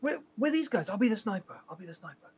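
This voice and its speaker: A man's voice: sits high, very animated, fast talker, crowd noise. A man co-hosting a gaming stream, teasing and swearing in casual banter over a headset mic. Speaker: gaming channel co-host.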